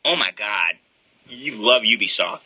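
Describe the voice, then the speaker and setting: Teasing low-voiced male co-host, dry sound. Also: animated, unhurried, bright, forceful tone, slightly rough, no echo, poor audio. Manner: teasing banter, quizzes the others. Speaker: podcast co-host. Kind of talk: casual podcast chat.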